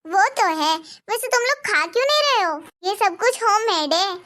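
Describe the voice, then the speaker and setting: A woman's voice: extremely high pitch, animated, normal speed, pushed and bright, exaggerated voice. A woman voicing a spoiled, scheming young wife in a Hindi cartoon, bossy and boastful.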